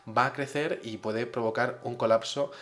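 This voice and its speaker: A man voicing a friendly male alien who explains things calmly and reassuringly. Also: mid-range voice, normal speed, close to an everyday voice.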